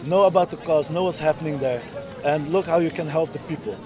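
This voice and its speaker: Recorded outdoors at a street protest with a loud crowd of protesters, a man in his twenties from the Netherlands gives an interview. He talks fairly quickly in a voice on the high side, earnest and emphatic, in short insistent phrases.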